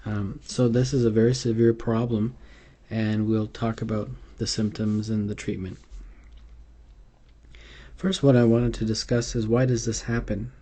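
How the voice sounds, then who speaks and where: A man's voice: lowish voice, flat delivery, measured pace, dark tone. A man giving an unscripted medical exam tutorial over slides, hesitant and full of fillers and restarts. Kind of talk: unscripted instructional lecture.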